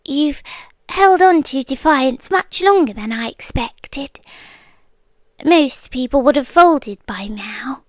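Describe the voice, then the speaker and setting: Close to the mic, a British woman plays a possessive, softly menacing yandere girlfriend in a hushed, intimate ASMR roleplay. Her high, animated voice is taunting and mock admiring, often whispered, with deliberate pauses. There's no echo.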